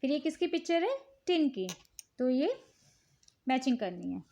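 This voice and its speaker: Indian lady teacher, high voice, slow patient explaining, keeps checking ok. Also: very animated, dark tone, muffled recording. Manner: slow, patient, repeats "ठीक है" often. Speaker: teacher showing worksheets. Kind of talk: casual instructional talk.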